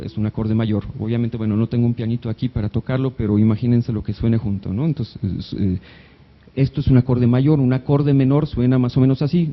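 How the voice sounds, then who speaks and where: A man of middle pitch gives a live lecture at a hospital event, explaining music theory in a chatty, joking way and breaking into short sung notes. The sound is dull and lo-fi, as from a recording of a hall event. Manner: conversational, jokey, sings short note examples. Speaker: doctor giving a talk on music theory.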